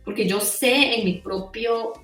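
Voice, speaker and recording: A woman's voice: fairly high pitch, unhurried, fairly bright tone, roomy sound, distant mic, soft background music. A middle-aged Costa Rican woman talking as an interview guest in a chatty way, full of "o sea" and "¿verdad?". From Costa Rica. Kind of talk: casual conversational interview.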